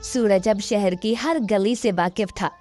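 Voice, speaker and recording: A woman narrating a cartoon story in measured, plain storytelling. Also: mid-range voice, a little mellow, faint music behind. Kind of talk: scripted narration.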